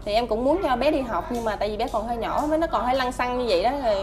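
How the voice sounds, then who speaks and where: A woman's voice: on the high side, expressive, rapid-fire. A woman with a Southern Vietnamese accent answering interview questions about her child, hesitant and polite, with many fillers.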